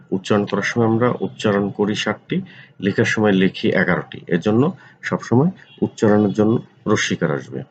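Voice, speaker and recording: A man teaching a pronunciation lesson, saying each word slowly and repeating it with care. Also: fairly low pitch, a little hiss or hum. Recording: dull lo-fi sound.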